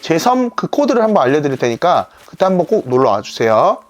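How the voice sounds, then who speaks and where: Female streamer, chatty and playful, animated pitch, casual gameplay talk. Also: fairly quick, faint music behind. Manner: playful, chatty, talks to viewers. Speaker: game streamer.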